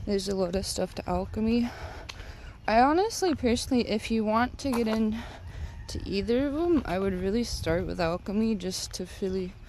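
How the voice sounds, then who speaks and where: A stoned woman rambling casually and haltingly, with lots of filler "like"s, as she vlogs on a walk. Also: medium pitch, animated, a little mellow, a little hiss or hum. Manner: rambling, halting, heavy use of "like". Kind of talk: casual rambling vlog talk. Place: outdoors, on a walk.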